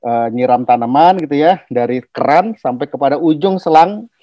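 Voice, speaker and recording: A man's voice: on the high side, animated, moderate pace, dry recording, lo-fi sound. A middle-aged man, a medical specialist, explaining a health topic on a podcast with homely analogies and frequent hesitations. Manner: explanatory, uses everyday analogies and sound words; many hesitations and restarts. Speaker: guest doctor, internal medicine specialist.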